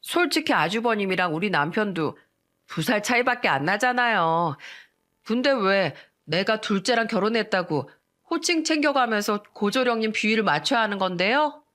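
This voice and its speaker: Woman doing a snooty drunk lawyer lady, sneering and pushy, higher and louder. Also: animated, moderate pace, natural voice. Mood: resentful. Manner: mocking, drunken taunting. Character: arrogant young woman lawyer, rude and condescending.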